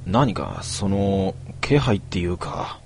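A man's voice: deep voice, expressive, slow pace, noisy background, heavily acted. A man playing a nervous young man with a strong sixth sense, hesitant and uneasy.

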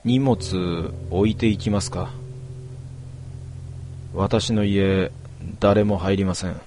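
A man voicing an eerie old woman ghost who speaks in halting, broken polite phrases. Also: deep voice, steady tone, dark tone, slight background noise. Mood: eerie, insistent.

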